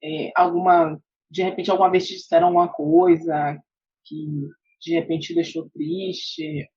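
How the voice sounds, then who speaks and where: Husky woman host, dull dry sound. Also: lowish voice, little pitch movement, warm tone, no room sound. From Brazil. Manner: measured, thoughtful questions with hedges. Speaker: podcast co-host. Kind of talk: interview questions.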